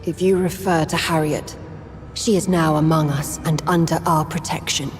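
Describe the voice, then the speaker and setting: A woman plays an old female leader of vampire outcasts, proud and guarded. Her low voice is stern and measured in dramatic video game style. It carries a long hall reverb, with music behind. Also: steady tone, lightly acted. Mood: solemn.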